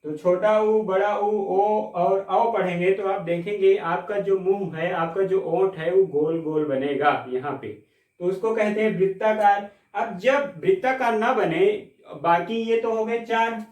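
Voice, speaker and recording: एक ऊँची आवाज़ वाला पुरुष हिंदी शिक्षक, गूंजती कक्षा में. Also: male voice, sits high, darkish tone, distant mic. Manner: explains step by step, checks understanding with questions; speaks sounds slowly and stretched when demonstrating. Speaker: Hindi teacher. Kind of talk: classroom lecture. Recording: echoey room, mic set back.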